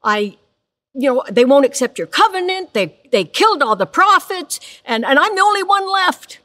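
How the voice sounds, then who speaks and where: A distraught, overwhelmed prophet pours out his complaints in a high, hurried, pleading voice, as a woman acts him out during a sermon. The pitch swings widely, rising sharply as he insists that he alone is left. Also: sing-song, bright, forceful tone, full character voice. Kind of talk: retelling a scripture story in a sermon.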